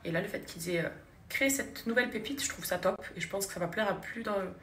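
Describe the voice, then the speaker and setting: A woman's voice: mid-range voice, fast talker, fairly bright tone, echoey room, slight background noise. A young woman talking casually to her followers in a vlog, chatty and enthusiastic, promoting products and running a giveaway. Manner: chatty, enthusiastic, repeats phrases. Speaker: vlogger.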